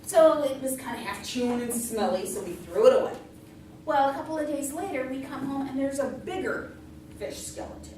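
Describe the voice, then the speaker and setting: A woman's voice: high voice, fairly quick, warm tone. Echoey, distant woman telling a folksy tall tale. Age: middle-aged. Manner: folksy, conversational, tongue-in-cheek. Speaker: storyteller in a tall tales contest. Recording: echoey room from far off, noisy.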